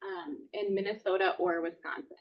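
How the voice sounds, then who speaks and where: A woman's voice: mid-range voice, little pitch movement, normal speed, distant mic. A woman presenting to a team and running a true-or-false quiz in an upbeat, casual way. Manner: upbeat, laughing quiz host. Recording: muffled audio from off the mic.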